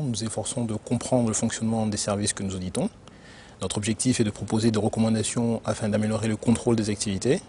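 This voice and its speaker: A man who grew up in Benin, an internal auditor answering interview questions in a measured, explanatory way with frequent hesitations. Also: on the low side, darkish tone, a little hiss or hum. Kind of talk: corporate career interview.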